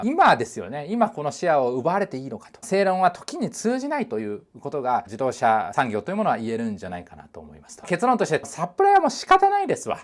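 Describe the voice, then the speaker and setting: A man hosting his own channel, giving casual commentary in a blunt, informal way and asking his viewers many rhetorical questions. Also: mid-range voice. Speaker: channel host and company president.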